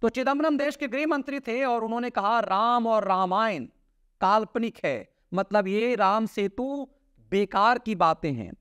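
A middle-aged man hosting a political commentary show, talking emphatically to camera from a studio desk with big swings in pitch and sharp drops at the ends of phrases. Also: lively intonation, measured pace, smooth, no room sound. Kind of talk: opinionated news commentary to camera. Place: indoor studio with virtual set. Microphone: lapel mic, seated at desk.

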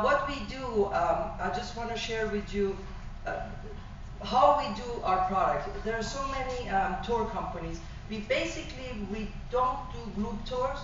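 A middle-aged woman from Iran with a Persian accent, giving an animated sales presentation about private travel to a small audience. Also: medium pitch, noisy background. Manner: animated, gesturing, with frequent fillers and restarts. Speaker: tour operator presenter. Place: small function room. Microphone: far room camera. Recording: distant, echoey, dull room recording.

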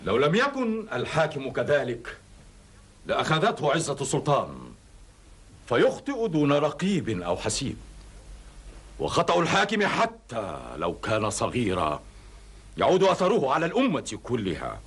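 A man's voice: medium pitch, huge pitch swings, moderate pace, pauses often, a bit bright. A middle-aged man playing a pious, humble but firm caliph in a classical Arabic historical drama, speaking in a solemn, formal way. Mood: grave, humble. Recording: dated TV drama soundtrack with music.

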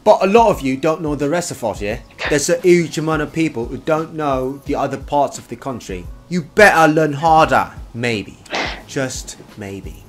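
A man's voice: fairly high pitch, lively intonation, moderate pace. Young man hopping between put-on accents. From Indonesia. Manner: constantly switching put-on accents, playful. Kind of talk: comedic accent showcase video. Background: background music.

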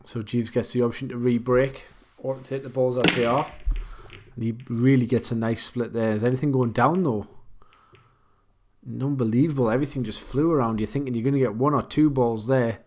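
A man's voice: mid-range voice, fairly even intonation, a little fast, darkish tone, slight background noise. A man casually commentating an online pool match, thinking aloud about which shots he would play.

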